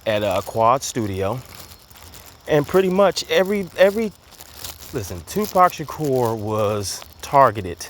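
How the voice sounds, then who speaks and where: A man's voice: mid-range voice, a little hiss or hum. A man hosting a casual commentary monologue, slightly out of breath as he walks outdoors, talking in a loose, emphatic way with lots of fillers and repeated words. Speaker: commentary host. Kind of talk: casual monologue while walking. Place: outdoors, walking.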